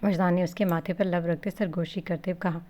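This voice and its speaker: A woman reading a romance novel aloud in a steady storytelling manner. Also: lowish voice, a little fast, highs cut off. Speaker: narrator. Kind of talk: scripted audiobook narration.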